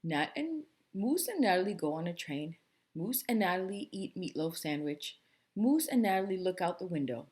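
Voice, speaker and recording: A woman voicing a young girl who speaks in flat, simple, repetitive phrases. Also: lowish voice, normal speed. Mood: matter-of-fact.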